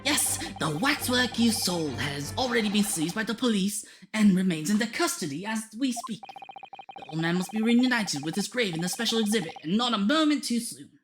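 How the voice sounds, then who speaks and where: A woman's voice: mid-range voice, expressive, brisk, music in the background, pitched above the performer's own voice, lightly acted. A woman voicing a flamboyant, self-assured male Victorian detective in a theatrical, grandiloquent way. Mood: smug, triumphant. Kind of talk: reading visual novel dialogue aloud.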